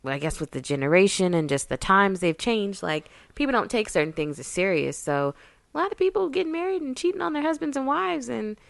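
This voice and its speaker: A woman's voice: mid-range voice, lively intonation, brisk, creaky, dry recording. A woman, co-hosting a podcast in loose, chatty talk and laughing often. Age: 30s. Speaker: podcast co-host. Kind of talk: casual chat.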